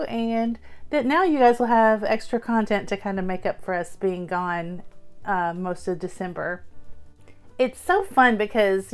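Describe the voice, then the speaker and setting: Sitting indoors at a table, a middle-aged woman with a clean, mid-range voice shows off her thrift store finds. She's a haul vlogger, chatty and upbeat, and her casual show-and-tell is full of fillers.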